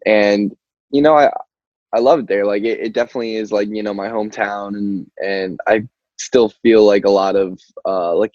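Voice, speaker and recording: This lowish, darkish male voice belongs to a young band singer from Albany, New York, who is being interviewed in a relaxed chat. His talk wanders, full of filler words like "like" and "you know," with frequent easy laughter. It sounds muffled and roomy, as if over a call.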